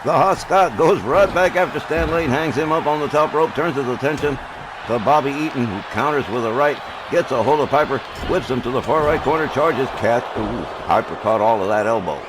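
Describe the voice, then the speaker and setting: A man's voice: a little high, a little fast. Male wrestling commentator, noisy recording. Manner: wrestling commentator calling moves in short clipped phrases with exclamations.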